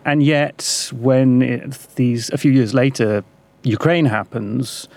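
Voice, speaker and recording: Informal male interviewer with average pitch. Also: slow, darkish tone. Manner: informal, discursive, probing. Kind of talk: conversational interviewing.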